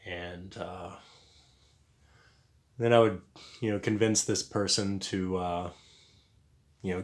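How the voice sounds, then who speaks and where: A man telling a personal story in a casual, halting way, earnest and confessional, with lots of fillers and restarts. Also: on the low side.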